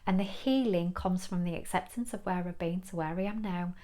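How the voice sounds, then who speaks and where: A woman's voice: on the low side, a little fast. A woman, a kinesiology teacher, talking earnestly and reflectively about inner healing. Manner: earnest, reflective, with soft laughs. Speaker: kinesiology teacher and spiritual guide. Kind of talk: reflective spiritual talk.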